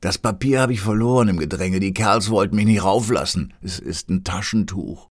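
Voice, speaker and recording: A man's voice: sits low, normal speed, no room sound, clean studio sound. A man voicing a breathless, eager young street boy who blurts everything out in one rush.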